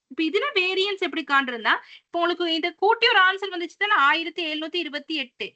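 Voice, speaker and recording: A woman's voice: high voice, sharp tone. A woman, teaching a class step by step in a patient manner. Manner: patient, step-by-step, mixes English terms. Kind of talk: online class explanation.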